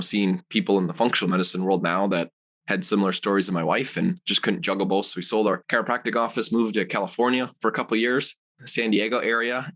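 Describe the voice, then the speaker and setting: A man, a guest on an interview podcast, telling personal stories in a casual, rambling way with lots of fillers. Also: on the low side. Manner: animated, rambling with many fillers. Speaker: guest, supplement company founder.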